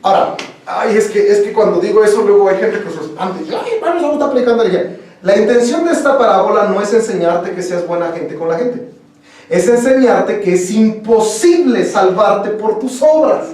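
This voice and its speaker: A young man with a Mexican accent leads a sermon in a high, light voice, chatting and joking with his congregation and firing questions at them. He is heard from a distance in a church hall that rings with echo. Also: moderate pace, darkish tone. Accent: Mexican Spanish. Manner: conversational, joking, quizzes the congregation. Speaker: preacher. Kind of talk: interactive sermon. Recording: echoey room, voice from far off.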